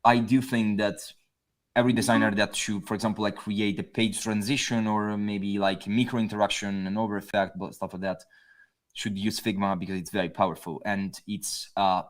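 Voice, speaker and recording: A man with an Italian accent, a guest designer talking in a casual panel chat, halting and full of fillers. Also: lowish voice, little pitch movement. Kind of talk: casual panel chat over a video call.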